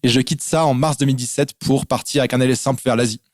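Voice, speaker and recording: A fast-talking man from France with a mid-range voice and steady tone joins a casual interview over a call as a guest. He explains things in lists with many fillers, and the recording is dry.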